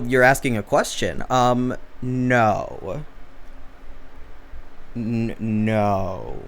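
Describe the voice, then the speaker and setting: Chatty streamer man, lively voice. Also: mid-range voice, creaky, a little hiss or hum. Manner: chatty, reads and answers chat, mutters to himself while working. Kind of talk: casual live-stream chat while drawing.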